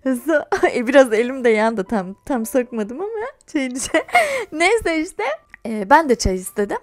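A woman's voice: high voice, measured pace, no echo. A young woman vlogging, chatting and laughing as she tells a personal story. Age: young adult. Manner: chatty, animated, laughs while telling. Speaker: YouTuber. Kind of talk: casual storytelling vlog.

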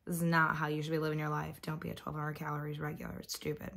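A woman vlogging at home in a casual, rambling way, hoarse and coughing from bronchitis. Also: low-pitched, monotone, quick pace, fairly bright tone. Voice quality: husky, lost voice. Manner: chatty, rambling with fillers. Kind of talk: casual vlog chat.

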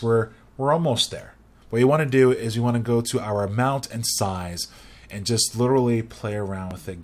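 Young male tutorial host, low-pitched, loose rambling delivery at a desk mic. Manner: rambling, restarts phrases, casual. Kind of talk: screen-recorded software tutorial.

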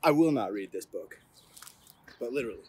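Out on an open terrace, a young man who is a police officer reads a picture book to children in a playful, theatrical style full of emphatic build-ups. His mid-range voice is expressive, a little mellow and husky, and fairly quick.

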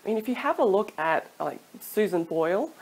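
This casual vlog features a singing teacher in her thirties chatting encouragingly to camera in a small room at home, with the odd laugh. Her mid-range voice has a darkish tone, swings widely in pitch, and moves fairly quickly. The recording is low quality despite an off-camera studio mic.

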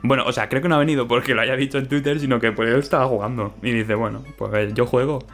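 Excitable young Spanish gamer man. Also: medium pitch, rapid-fire, soft background music. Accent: Spain Spanish. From Valencian Community, Spain. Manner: excitable, laughs often, chatty. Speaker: gaming YouTuber. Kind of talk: casual let's-play commentary.

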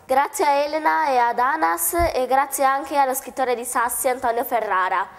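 Teen girl news anchor, high voice, long reverb. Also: moderate pace. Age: teenager.

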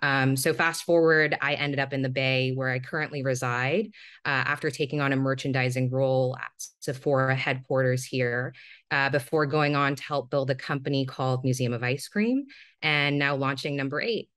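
A woman in her thirties from Singapore, a podcast guest calmly telling her life story over a video call. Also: extremely low pitch, moderate pace, dry recording, clean studio sound. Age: 30s. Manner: calm, reflective storytelling. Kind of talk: remote interview.

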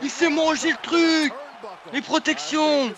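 A man co-commentating a wrestling video game in a casual way, reacting with quick exclamations. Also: very high-pitched, very noisy.

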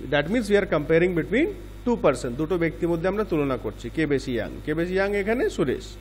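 A Bengali-accented man teaches English grammar, explaining in Bengali with English example sentences and answering the questions he puts to himself. His voice is a little high, the room sounds big, and a faint hiss or hum lies underneath.

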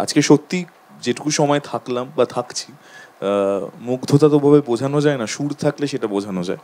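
Guy hosting, mid pitch voice, lots of umms, kinda slow and thinking it over. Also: darkish tone. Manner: thoughtful, halting, with many fillers. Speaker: host. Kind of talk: casual chat.

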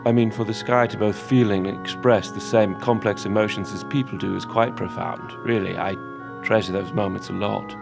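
A man playing a gentle servant who speaks as a thoughtful, earnest philosopher in a deadpan comedy sketch. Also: lowish voice, normal speed, gravelly, over music. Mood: wistful, thoughtful. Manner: reflective, earnest, understated.

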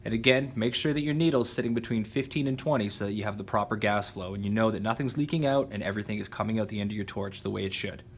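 A man in a workshop explaining welding problems in a relaxed way, with small fillers. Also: on the low side, fast talker, hardly any pauses. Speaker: welding instructor. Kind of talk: instructional demonstration.

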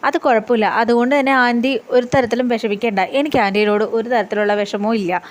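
A woman's voice: on the high side, fairly even intonation, brisk, natural voice. Woman retelling as a sweet trusting young woman. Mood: reassuring.

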